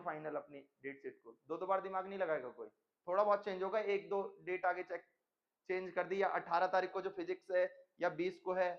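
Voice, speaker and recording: A man's voice: high voice, lo-fi sound. A man teaching a chemistry class in a stern lecturing manner, mixing English terms into his speech. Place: coaching classroom.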